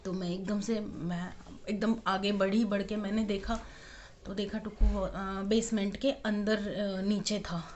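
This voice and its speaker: A woman's voice: mid-range voice, flat delivery, unhurried, a little mellow, slight background noise. A young woman, a mother of twins, telling an emotional story in a casual home vlog, worried and acting out the dialogue. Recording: dull lo-fi audio.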